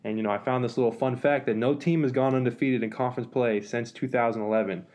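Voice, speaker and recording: A man co-hosting a casual sports talk show, analytical and relaxed, with many fillers and restarts. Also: mid-range voice, quick pace. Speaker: sports podcast co-host.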